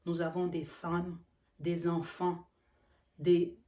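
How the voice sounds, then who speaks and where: A woman's voice: lowish voice, flat delivery, slow pace, mellow. A woman from Congo in middle age, a health professional, speaking earnestly with frequent hesitations. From Democratic Republic of the Congo. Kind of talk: earnest educational monologue.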